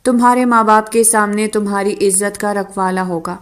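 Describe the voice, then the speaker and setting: An earnest, pleading young husband begging his wife's forgiveness, read by a woman narrating a romance audiobook. He speaks with steady, remorseful urgency at a medium pitch. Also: close to an everyday voice. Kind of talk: audiobook novel reading.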